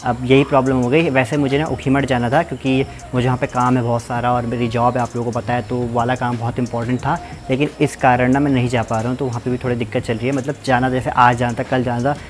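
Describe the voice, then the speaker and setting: A man's voice: mid-range voice, a little mellow. A young man from Uttarakhand hosting a casual vlog, chatty and rambling, feverish with a blocked ear. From Uttarakhand, India. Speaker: vlogger host.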